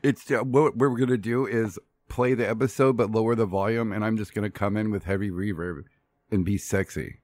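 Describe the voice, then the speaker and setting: Hoarse, stuffy-nosed male co-host, lowish pitch, dry close mic, casual and jokey. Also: steady tone, fairly quick, a little mellow, no room sound. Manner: joking, laughs often. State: hoarse and nasal from a cold. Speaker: podcast co-host. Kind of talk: casual chat.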